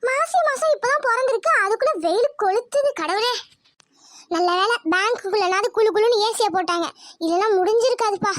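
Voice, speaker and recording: A woman with a very high, expressive voice speaks briskly, with no echo, doing cartoon voice acting. She plays an anxious, devout middle-aged mother who frets, scolds and wails.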